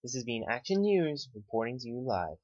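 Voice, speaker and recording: A man voicing a male TV news anchor who gives a measured broadcast report. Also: mid-range voice, sing-song, darkish tone, no room sound. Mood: formal. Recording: dry, slightly dull lo-fi.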